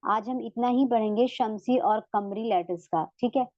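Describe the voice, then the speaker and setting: A woman teaches an online tajweed class, her voice slightly high and unhurried as she patiently walks through each example. The sound is dry and a little dull, with a lo-fi edge. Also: no echo. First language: Urdu. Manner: patient, repeats examples slowly. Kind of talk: online lesson explanation.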